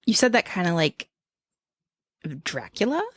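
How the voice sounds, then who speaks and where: Brief: woman podcast host, lively pitch, dry close sound, giggly and animated. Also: unhurried, breathy edge, no room sound. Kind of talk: casual chat.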